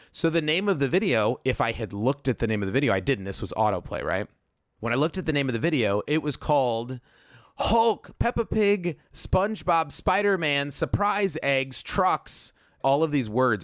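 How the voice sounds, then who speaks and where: A male podcast co-host, medium in pitch, wanders through a long story during casual conversation, frequently stopping himself and circling around. The audio is dry and cleanly studio-recorded.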